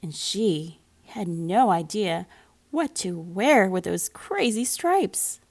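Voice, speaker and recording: A school librarian with a mid-range voice reads a children's storybook aloud, telling the story in an expressive, deliberate way.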